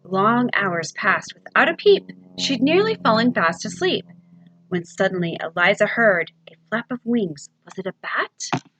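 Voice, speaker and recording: A woman librarian reading a picture book aloud to children, with expressive sing-song storytelling and questions to her young listeners. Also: mid-range voice, unhurried, poor audio.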